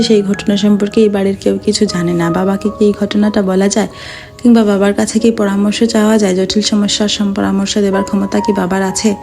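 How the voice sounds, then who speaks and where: A woman reading a novel aloud as an audiobook, in an even, measured storytelling manner, lightly voicing the dialogue. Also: mid-range voice, creaky. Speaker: audiobook narrator. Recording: faint background music.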